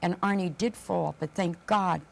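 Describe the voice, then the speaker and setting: A woman's voice: on the low side, moderate pace, creaky, slight background noise. A woman being interviewed as a paranormal investigator, earnestly telling events and repeating words as she goes. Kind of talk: interview storytelling.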